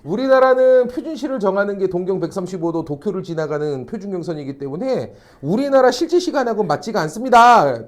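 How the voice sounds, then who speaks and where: A middle-aged man teaching a class, telling anecdotes, teasing and mocking, and constantly checking whether students follow. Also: high voice. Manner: mocking asides. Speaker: academy teacher.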